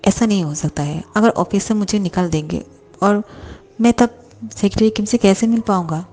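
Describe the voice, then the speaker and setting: A woman's voice: on the low side, a little mellow, close to an everyday voice. A woman voicing a lovesick, hot-tempered young male boss who snaps back with indignant questions.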